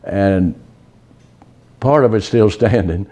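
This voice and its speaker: Older man with a low, mellow voice. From Virginia, US. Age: 80s. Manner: unhurried, folksy, many pauses and fillers. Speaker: local resident sharing memories. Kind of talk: casual reminiscing. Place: outdoors on a town street.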